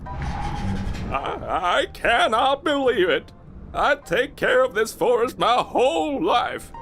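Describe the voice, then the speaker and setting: An indignant forest ghost bear grumbles about his grudge in a video game. The voice is very high for a man and moves in lively swings. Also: takes it slowly, faint music behind, heavily acted. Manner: aggrieved, grumbling. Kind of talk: video game character acting.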